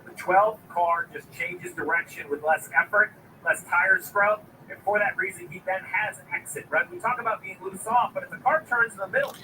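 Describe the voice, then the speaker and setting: A man's voice: sits high, moderate pace, poor audio. A man giving live motorsport commentary for television with analytical, emphatic phrasing. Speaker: race commentator. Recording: loud race-car noise behind. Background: race engines.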